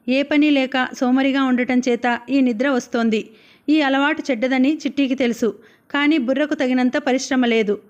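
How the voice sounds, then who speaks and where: A woman narrates a novel for an audiobook. Her voice sits high and her telling is steady and expressive. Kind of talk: novel reading.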